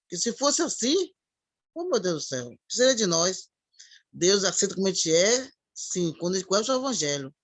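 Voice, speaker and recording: A woman's voice: medium pitch, very animated, normal speed, no room sound. A woman in a devotional conversation, talking in an earnest, repetitive way and thinking aloud as she goes. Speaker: church sister in a ministry chat.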